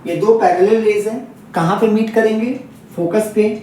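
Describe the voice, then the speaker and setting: A man's voice: high voice, steady tone, moderate pace, a little mellow, heavy reverb, far from the mic, slight background noise. A man teaching a physics lesson aimed at exams, who repeats key points and keeps checking in with his students. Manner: repetitive, checks in often with students. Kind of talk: exam-focused classroom lesson.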